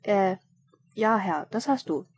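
A woman's voice: mid-range voice, lively intonation, takes it slowly, soft background music. Woman reader as a polite, earnest young male officer, hesitant and deferential in an audiobook. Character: earnest honest young male watch captain.

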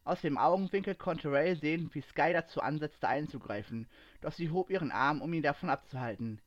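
A man narrating a story aloud at a steady, even pace, his voice sitting a bit higher than most men's. The recording is dry with no room sound. It is also a little dull and lo-fi. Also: fairly quick, dry recording.

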